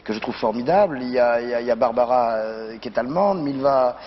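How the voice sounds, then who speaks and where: Hesitant man with medium-pitched voice. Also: fast talker. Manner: hesitant, repeating words as he goes. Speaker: stage actor being interviewed. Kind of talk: thoughtful casual interview talk. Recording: dull, reverberant, slightly noisy TV recording.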